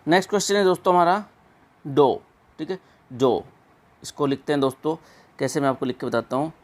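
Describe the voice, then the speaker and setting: A man teaching an exam-prep English pronunciation lesson, repeating words slowly and drawn out. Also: a little high, expressive.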